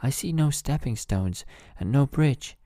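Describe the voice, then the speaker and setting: A man's voice: mid-range voice, animated, a little slow, dark tone, no room sound, studio quality, voice pushed up, lightly acted. Hansel, a man doing a slightly raised boyish voice. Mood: hopeful. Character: hopeful young boy Hansel. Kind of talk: bedtime story reading.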